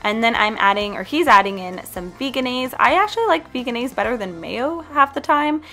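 A young Canadian woman narrates her healthy food vlog in a casual, upbeat voice-over, chatting and recommending foods directly. Her voice is on the high side, animated and brisk, pushed and bright, with faint music behind it.

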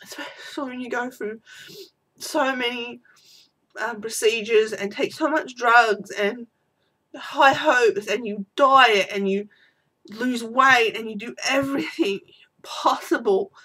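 A woman's voice: fairly high pitch, slow pace, pushed and bright. A woman vlogger talking in an unedited personal video diary, teary with her voice breaking, rambling and apologetic.

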